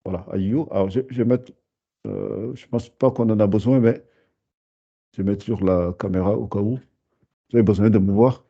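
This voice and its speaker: A man teaching a beginner lesson over a video call, patient, hesitant and full of fillers, drawing out syllables slowly. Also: lowish voice, vocal fry, slightly rough, lo-fi sound. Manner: hesitant, many fillers and restarts. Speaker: Arabic teacher.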